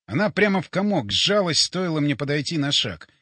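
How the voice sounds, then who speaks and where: A man narrating a first-person sci-fi audiobook with expressive, animated storytelling, recorded on a close studio mic. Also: a little high, brisk, no room sound.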